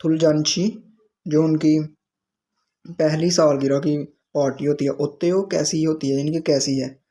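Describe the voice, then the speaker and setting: A man's voice: a little high, steady tone, unhurried, warm tone. A man teaching a language lesson, explaining the dialogue word by word. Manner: explains word by word, with frequent restarts.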